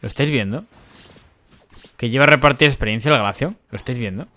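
Chatty young gamer from Spain. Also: male voice, mid-range voice, fast talker, pushed and bright. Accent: Spain Spanish. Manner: chatty, addresses viewers as cracks and chavales. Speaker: gaming YouTuber. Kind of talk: casual gameplay commentary.

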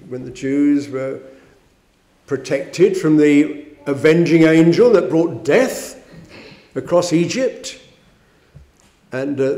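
A man preaching a sermon, reading scripture aloud and explaining it with fillers and restarts. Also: dark tone. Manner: rises in pitch and volume on quoted verses. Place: church. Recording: echoey church hall.

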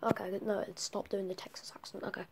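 A woman's voice: medium pitch, little pitch movement, fast, vocal fry, darkish tone, husky. A woman giving a homemade geography presentation, chatty, breaking off into muttered self-corrections and whispered asides. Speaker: student presenting homework.

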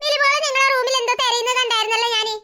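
A woman's voice: extremely high pitch, fairly even intonation, racing, bright, forceful tone. A woman voicing a fussing, teasing cartoon mother who chides her daughters but cares for them. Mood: chiding. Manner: chiding yet caring.

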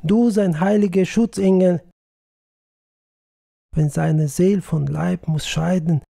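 A man's voice: on the high side, a little slow, gravelly, dark tone, husky, pitched above the performer's own voice, heavily acted. A man reading an audiobook, voicing a devout grieving peasant wife who pleads in fervent prayer. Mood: fervent praying.

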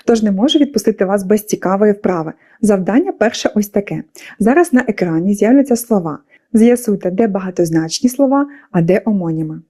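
Mellow-voiced woman teaching a school lesson. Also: medium pitch. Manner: patient explaining with questions to pupils. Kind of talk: scripted lesson narration for children.

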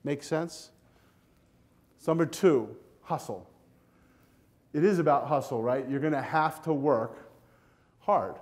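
A man's voice: a little high, takes it slowly, pauses often. An older man giving a keynote speech to students in a hotel ballroom, talking energetically and directly, on a lapel mic. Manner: energetic, animated, walks the stage with a handheld clicker. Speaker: keynote speaker. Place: hotel ballroom with a seated audience.

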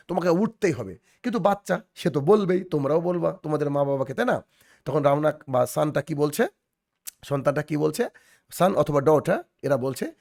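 A man's voice: fairly high pitch, a little mellow. A man teaching a children's English lesson over a video call, patiently repeating phrases and checking that the class follows.

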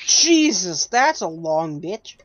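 A woman's voice: mid-range voice, animated, normal speed, no room sound. A woman calling a sim race as race control, joking around and swearing casually. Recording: dry, dull lo-fi voice chat.

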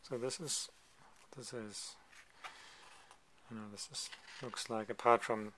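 A man casually presenting a photo book he is paging through at a table, talking in a relaxed, hesitant way with many ums and side remarks. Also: medium pitch, slow, a little hiss or hum. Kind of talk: casual show-and-tell commentary. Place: indoors at a table, filming a book from above.

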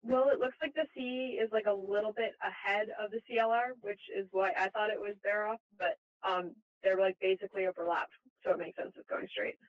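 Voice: mid-range voice, fairly even intonation, fairly quick. Student, tentative answer, muffled video-call sound, distant from mic. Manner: tentative, hedging with "like". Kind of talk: answering a question in class. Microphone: remote participant on a video call. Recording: dull far-off call audio.

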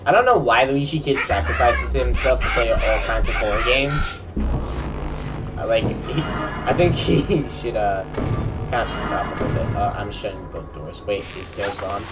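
A man's voice: lowish voice, lively intonation, moderate pace. A young man giving casual, chatty gameplay commentary to his viewers as a game streamer, with boastful banter. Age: young adult. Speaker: gaming streamer. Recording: distant mic under loud game music. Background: loud game music.

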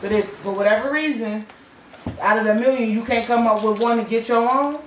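A woman's voice: a little high, brisk. A blunt, outspoken woman giving her opinions on a panel show. She is heard from a distance in an echoey room, with faint noise behind her. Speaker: podcast co-host. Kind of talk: casual panel banter. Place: studio with panel table.

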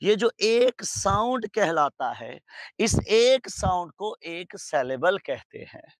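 A man's voice: high voice, big pitch swings, no echo. A man teaching grammar as a lecturer, drawing out key words and asking rhetorical questions. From Pakistan. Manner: slow, drawn-out emphasis with rhetorical questions. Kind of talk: grammar lecture in Hindi-English mix. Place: teaching studio.

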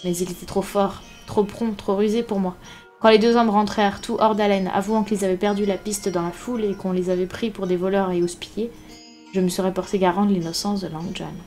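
A woman reading a novel aloud in a steady storybook narration, with small slips here and there. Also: medium pitch, brisk, faint music behind. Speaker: reader.

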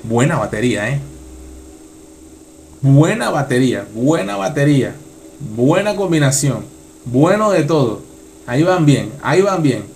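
A man's voice: fairly high pitch, sing-song, a little slow, pauses often. A man reacting to a music video in casual commentary, enthusiastic and repeating short phrases. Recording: loud song playing under the voice.

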